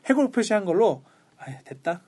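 Fast, lively high-voiced man chatting. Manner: animated, questioning, laughs often. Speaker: podcast co-host. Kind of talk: casual gaming podcast chat.

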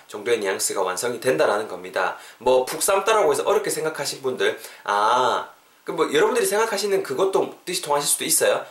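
A man hosting a casual English lesson podcast, animated and mixing English phrases into his explanations. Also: medium pitch. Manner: animated, spells words out, mixes English phrases. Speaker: English teacher podcast host. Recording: roomy echo.

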